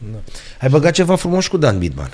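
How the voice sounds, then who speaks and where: Podcast host guy, voice jumping up and down a lot, lots of quick yeahs and questions. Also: on the high side, wildly swooping pitch, darkish tone. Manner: quick interjections and agreeing asides. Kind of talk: casual interview chat.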